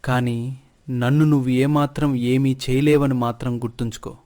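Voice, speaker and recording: A man's voice: medium pitch, level tone, moderate pace, mellow, natural voice. A man voicing a scheming, spiteful sorceress woman in a narrated storybook, speaking in a cold, taunting way.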